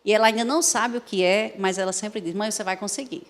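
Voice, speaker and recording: Soft-spoken reflective woman. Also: medium pitch, steady tone, quick pace. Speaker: panelist. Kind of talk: panel discussion.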